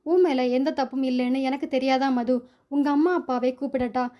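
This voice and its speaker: A woman reading a short story aloud, voicing a gentle young husband who speaks softly and with care to his new wife. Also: high voice, fairly even intonation, moderate pace, dull audio, close to an everyday voice. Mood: caring. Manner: soft, caring.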